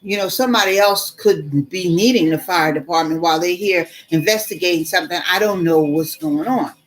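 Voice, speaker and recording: A middle-aged woman in casual storytelling mode, animated and fed up as she recounts what happened. Her voice sits a little low for a woman, and she keeps turning to the listener as "girl". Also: fairly quick. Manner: animated, exasperated, addresses viewer as "girl". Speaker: vlogger.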